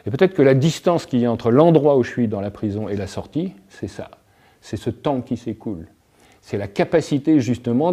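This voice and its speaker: A man talking as an interview guest about wonder and kindness, his voice warm and soft-edged rather than bright. He sits at an ordinary middle pitch and muses reflectively. He builds his points out of small everyday anecdotes and keeps tagging his phrases as he goes. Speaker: guest, alchemist and author. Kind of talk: reflective philosophical talk.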